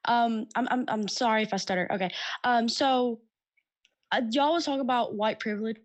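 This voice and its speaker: A woman's voice: on the high side, moderate pace. A woman calling into a casual group discussion, hesitant and apologetic as she gives her opinion. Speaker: caller.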